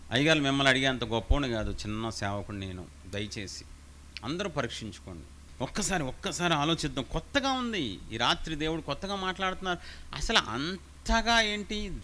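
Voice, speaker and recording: A male pastor preaches at a church meeting in a forceful, tense voice. He keeps asking his listeners questions and repeats phrases to drive his points home. His pitch sits a little high. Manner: emphatic, rhetorical questions, repeats phrases for stress. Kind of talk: live sermon to a congregation.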